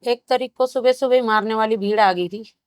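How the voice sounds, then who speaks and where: A woman in her fifties tells her story in a grave, steady way, in short phrases. Her voice sits a little high and stays flat in its melody, smooth and clear. It sounds close and dry, with no room around it. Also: normal speed, dry recording. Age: 50s. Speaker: survivor interviewee. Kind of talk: personal testimony in an interview.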